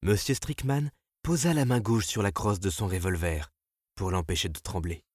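A man narrating an audiobook in a husky, expressive, dramatic way. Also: lowish voice, moderate pace, no room sound, studio quality.

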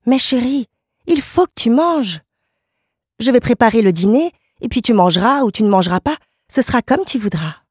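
A woman's voice: on the high side, big pitch swings, normal speed, breathy edge, no room sound, clean studio sound, voice pushed up. A woman doing an eager, doting young wife. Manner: eager and solicitous.

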